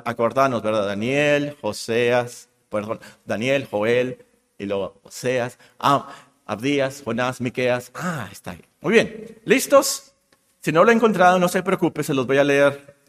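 A man preaching a sermon, stressing points by repeating words and reading scripture slowly and solemnly. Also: mid-range voice, a bit bright, long reverb tail.

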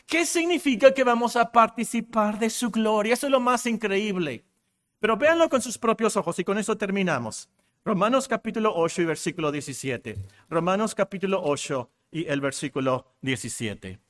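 A man preaching a sermon, emphatic, repeating key phrases and swinging from loud exclamations to hushed low tones. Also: expressive. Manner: slows and stretches words for emphasis.

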